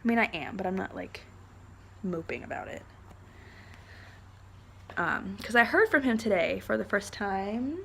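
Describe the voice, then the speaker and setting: A woman's voice: medium pitch, animated, a little slow, vocal fry, long pauses, a bit bright, a little hiss or hum. Chatty young woman vlogging. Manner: rambling, chatty, frequent "like" and "um". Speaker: vlogger, military spouse. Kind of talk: casual chat to camera.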